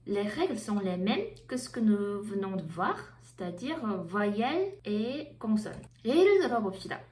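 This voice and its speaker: A Korean-native woman teaching a language lesson, explaining slowly and carefully and switching between two languages. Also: a little high, reverberant.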